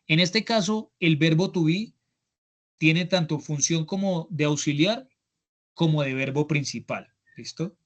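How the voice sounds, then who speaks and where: A Colombian-accented man leads an online language class over a computer mic. His voice sits a little on the high side as he explains grammar step by step. He keeps checking in with the students as he goes. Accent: Colombian Spanish. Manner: explanatory, often checks in with "¿listo?". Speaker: English instructor. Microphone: computer mic on a video call.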